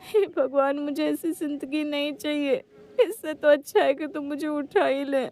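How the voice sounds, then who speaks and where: A woman's voice: very high voice, fairly even intonation, a little slow, darkish tone. A woman voicing a meek tearful young wife. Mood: despairing. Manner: pleading, tearful. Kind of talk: Hindi cartoon story voice acting.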